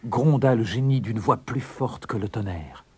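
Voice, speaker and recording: A man's voice: medium pitch, measured pace, warm tone, husky. A man narrating a fairy tale in a scripted, suspense-building storybook reading.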